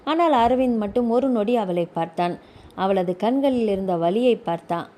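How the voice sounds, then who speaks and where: A woman's voice: mid-range voice, lively intonation, normal speed, dark tone. A woman narrating a novel as an audiobook, voicing the characters' dialogue herself.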